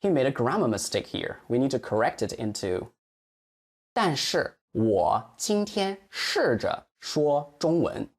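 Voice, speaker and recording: With a mid-range, very animated voice, a Chinese-accented man from mainland China teaches pronunciation as a native Chinese teacher. He models each word slowly and carefully, stretching its syllables.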